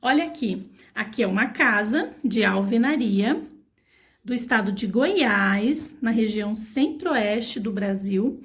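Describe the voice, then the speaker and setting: A woman's voice: on the high side, expressive, takes it slowly. A woman teacher from Brazil giving a recorded online lesson to young children, patiently spelling out words syllable by syllable and asking the kids questions. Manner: asks the children questions, coaxing. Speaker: primary school teacher.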